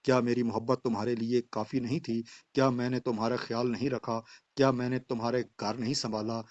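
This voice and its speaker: A man's voice: medium pitch, flat delivery, a little mellow, no echo, natural voice. A man voicing a vain, proud wife who talks in plaintive, defensive questions. He reads her in a dull, dry lo-fi recording.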